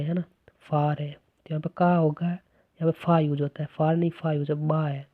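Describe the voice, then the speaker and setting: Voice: medium pitch, no room sound. A teacher explaining a phonetics lesson step by step, often checking in with the listener. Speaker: English teacher. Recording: dry, tinny phone-like recording.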